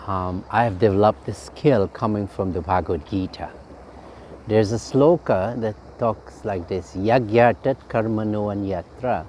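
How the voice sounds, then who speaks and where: A man with a fairly low voice gives an informal spiritual talk outdoors by a fountain. He speaks as a swami, unhurried and reflective, often pausing on "um". Faint outdoor ambience and passing traffic sit behind him. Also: darkish tone. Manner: unhurried and reflective, with frequent ums.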